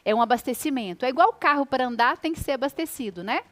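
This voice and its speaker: A woman's voice: high voice, expressive, quick pace. A woman guest on a radio show, giving child-rearing advice in an explanatory way and often checking in with "right?". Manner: warm explanatory, tag questions "né?". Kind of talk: advice-giving interview talk.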